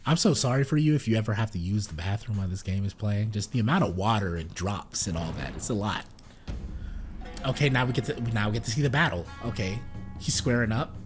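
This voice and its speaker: On the low side and quick-paced, a man provides laid-back let's-play commentary as he streams a game, cursing liberally and poking fun at himself. The game's music plays behind him.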